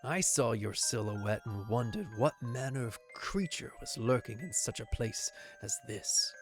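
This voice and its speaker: Casting: a man as a grave, honorable game swordsman; low, gravelly growl, formal old-fashioned threats. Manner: grave, archaic, formal delivery. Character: stern, honorable swordsman reading out threats to a knight. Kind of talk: video game dialogue read aloud.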